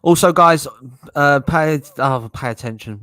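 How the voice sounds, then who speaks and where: A man's voice: on the high side, slow pace, bright, forceful tone, no room sound. A man hosting a casual podcast chat, laughing often as he rambles. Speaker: podcast host.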